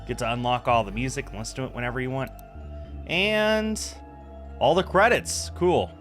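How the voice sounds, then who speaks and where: Indoors at a streaming setup, with music behind him, a man in his thirties hosts a game stream, chatting casually and reading on-screen text aloud. His voice is medium-pitched and a bit bright, at a moderate pace.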